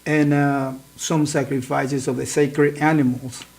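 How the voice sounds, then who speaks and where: Hesitant flat-voiced man. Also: on the high side, measured pace, creaky, poor audio. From northern Peru. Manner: hesitant, repeats words. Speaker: interview guest, cast member.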